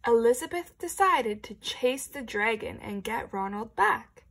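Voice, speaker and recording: Reading a picture book aloud to young children, a woman teacher tells the story expressively and slips into hushed, whispered asides. Her voice sits on the high side, expressive and unhurried, with a breathy edge.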